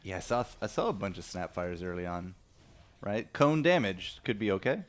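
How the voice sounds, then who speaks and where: A young man calls a live esports match with a lively, swooping voice that leaps up when he is surprised. He is excitable and quick to laugh, and he chats with viewers between plays. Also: deep voice, slight background noise. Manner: excitable, laughing, talks to chat. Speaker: esports caster. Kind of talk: live game commentary.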